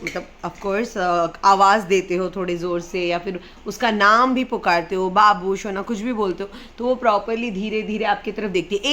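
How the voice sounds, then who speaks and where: A mother in her thirties vlogs casually to the camera about parenting, dropping in English phrases as she hurries to wrap things up. Her voice is mid-range with a fairly bright tone.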